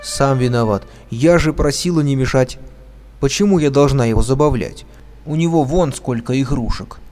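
A man's voice: medium pitch, sing-song, moderate pace, darkish tone, natural voice. Brief: male reader as a schoolgirl big sister, irritable and scolding, with faint music under it. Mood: sulky. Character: impatient older sister, schoolgirl.

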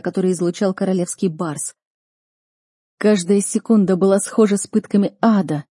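A woman narrates a dramatic novel aloud with an expressive, storybook delivery. Her voice sits low and dark, and the recording is close and dry. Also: slightly rough, no echo. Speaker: audiobook narrator. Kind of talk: storybook reading.

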